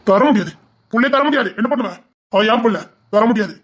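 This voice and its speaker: A woman's voice: on the high side, animated, fairly quick, breathy edge. A woman playing an anguished village mother in a melodramatic drama, emotional and scolding, with a Tirunelveli Tamil accent. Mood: defiant. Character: anguished village mother guarding her baby.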